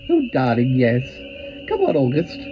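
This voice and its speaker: A man's voice: mid-range voice, huge pitch swings, normal speed. A man voicing a theatrical, affectionate grand lady in a campy drag-queen manner, in an audio drama. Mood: gushing, fond. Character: theatrical, affectionate grand lady who calls everyone darling. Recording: muffled sound with prominent music. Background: music.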